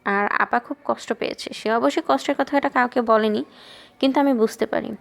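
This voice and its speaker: A woman's voice: a little high, a little fast, creaky. A woman reading the lines of a frank, questioning teenage girl in an audiobook. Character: blunt teenage girl, sharp and protective.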